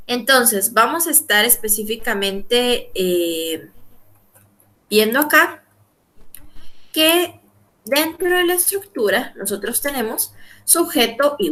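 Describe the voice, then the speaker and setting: A woman with a fairly high voice gives an online class and walks her students through each rule one step at a time. She keeps checking that they follow, with short asides like "right?" and "yes?". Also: bright, forceful tone. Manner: explains step by step, often checks with "¿verdad?" and "¿sí?". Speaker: English teacher.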